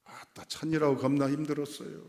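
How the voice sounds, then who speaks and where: A male pastor preaching a sermon in a church, moving from quiet asides to emphatic, rising declarations. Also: fairly high pitch, level tone, fairly quick, gravelly. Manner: plays voices of God and congregants with dialect phrases. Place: church sanctuary. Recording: hall reverb from a church sanctuary.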